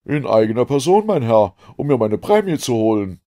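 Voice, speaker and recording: A man voicing a bold, blunt Canadian harpooner in an audiobook, speaking loudly and emphatically. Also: medium pitch, sing-song, moderate pace, voice pushed up, natural voice. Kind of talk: audiobook character voice.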